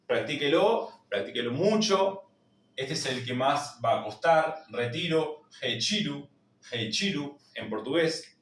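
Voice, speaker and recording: Argentine male teacher, higher voice, slow patient delivery, drills words over and over. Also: expressive, echoey room, far from the mic. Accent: Argentine Spanish. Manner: repeats each word slowly, drilling pronunciation. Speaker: language teacher. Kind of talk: slow spoken lesson.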